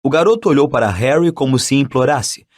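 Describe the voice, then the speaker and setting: A man narrating an audiobook in an expressive, dramatic reading style. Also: mid-range voice, fairly quick.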